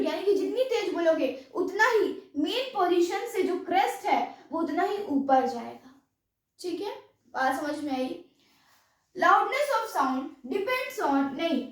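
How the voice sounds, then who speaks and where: A woman teaching a science class, explaining step by step in Hindi mixed with English terms and often asking if there are doubts. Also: very high-pitched. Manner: mixes English terms into Hindi, repeats checks like "any doubt". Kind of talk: classroom lecture. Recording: echoey room, voice from far off.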